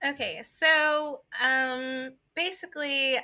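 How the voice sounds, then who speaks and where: A woman co-hosts a podcast, chatting casually and informally about video games and saying "like" a lot. Her voice is high and bright, with a steady, forceful tone and a slow pace.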